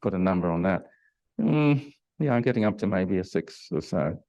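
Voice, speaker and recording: Leading a live online Pilates class, an older instructor talks in a low, gravelly, mellow voice that is expressive and moves at normal speed. He chats hesitantly, restarting often and using lots of fillers, and he groans as he works through self-massage. The audio sounds dull.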